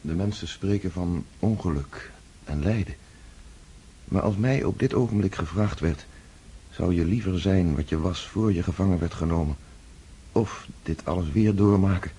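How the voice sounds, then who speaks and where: A man's voice: low-pitched, dark tone, slightly rough. An actor playing Pierre, an earnest man back from war captivity, speaking in a reflective, emotional way in a radio drama.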